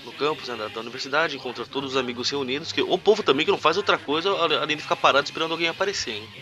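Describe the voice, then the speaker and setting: A man's voice: on the high side, racing. A man with a Brazilian Portuguese accent co-hosting a casual comic book review chat, wry and sarcastic. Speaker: podcast co-host.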